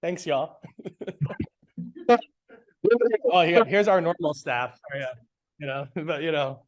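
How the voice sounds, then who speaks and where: A man who runs an agency, a podcast guest in casual interview talk, earnest and animated and quick to laugh, heard over a video call. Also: fairly high pitch.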